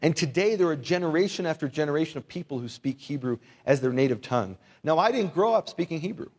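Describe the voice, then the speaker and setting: This native English-speaking man talks fast and expressively, his voice on the high side and a little mellow, as he delivers a casual Bible lesson live. In his role as Bible teacher and lecturer he stays conversational, slips in wry humour and rhetorical questions, and asks the audience to repeat words.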